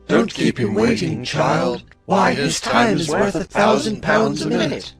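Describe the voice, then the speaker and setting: A man's voice: high-pitched, unhurried, loud music behind the voice. A man voicing a chorus of scolding, money-minded railway passengers, singsong and emphatic, in a storybook dramatization. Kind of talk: dramatized audiobook acting.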